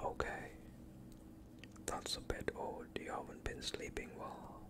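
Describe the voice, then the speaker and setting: This is an ASMR performer, a young adult man, acting as a doctor. He whispers without voicing, breathy and close to the microphone, asking unhurried questions in a soothing, calm way.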